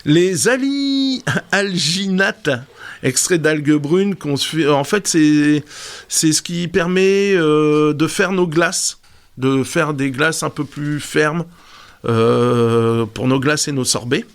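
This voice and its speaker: Male radio presenter, fry in the voice, casual, hesitant and full of fillers. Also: on the high side, takes it slowly. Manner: hesitant, explanatory, many fillers. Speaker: radio segment presenter on marine plants.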